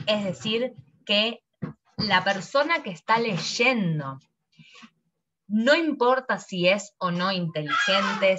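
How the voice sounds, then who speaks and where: A woman teaches a lesson, walking through her slides. She talks in a middle pitch and acts out her examples by shifting her tone. The recording sounds dull and lo-fi. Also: a little hiss or hum. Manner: expressive, acts out examples with changing tone.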